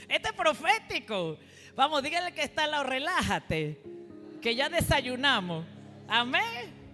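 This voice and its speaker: Very animated and bright, this high-voiced woman preaches slowly and forcefully with long pauses. She leads a church hall congregation in repeating her phrases, and the recording carries reverb and faint music.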